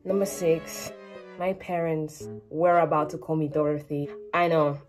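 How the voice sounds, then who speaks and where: A low-pitched, darkish female voice speaks at a measured pace with fairly even intonation over soft background music. She's a Spanish-born teenage vlogger talking casually to a phone or webcam held at arm's length in her small bedroom, chatty and tossing in self-mocking asides to herself.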